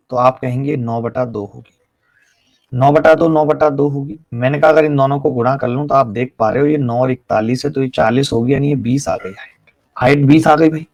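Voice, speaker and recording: A man's voice: mid-range voice, vocal fry, a little mellow, dry recording. A man teaching a live online math class, explaining each step and teasing his students with jokes.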